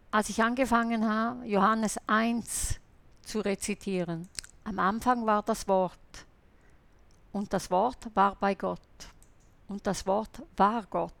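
A woman tells her personal faith testimony in an earnest, fervent way. Her voice sits at a middle pitch for a woman. The recording is dry and close, with no room sound. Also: creaky, no echo. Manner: earnest, fervent, addresses listeners as brothers and sisters. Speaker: lay preacher giving testimony.

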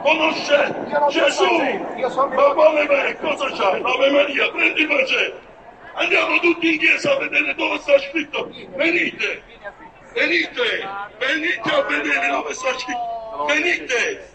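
Neapolitan dialect guy arguing as a street evangelist, slow pace, far from the mic with crowd around. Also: very high voice. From Naples, Italy. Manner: Italian mixed with Neapolitan dialect; confrontational, repetitive. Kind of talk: street preaching and heated arguing. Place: busy public square outdoors. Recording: echoey distant outdoor recording, crowd noise.

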